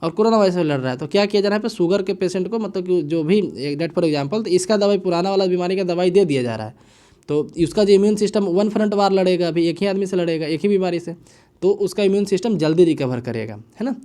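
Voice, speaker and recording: A man with a high but mellow voice walks through the day's news like a teacher at a whiteboard. He talks casually and repeats himself, tossing in little checks to his listeners, and he slows down to read English phrases haltingly. He comes across as an explainer, not a presenter. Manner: casual, repetitive, frequent "है ना" and "ठीक है" checks; mixes English phrases into Hindi, reads headlines haltingly. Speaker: current affairs teacher. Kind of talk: explaining news analysis to students.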